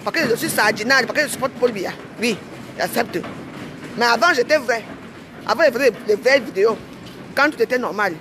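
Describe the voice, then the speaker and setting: A woman's voice: on the high side, lively intonation, brisk, noisy background. Indignant Cameroonian woman ranting. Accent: Cameroonian French. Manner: indignant, repeats herself, ends phrases with "hein". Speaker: vlogger. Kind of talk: heated rant to camera.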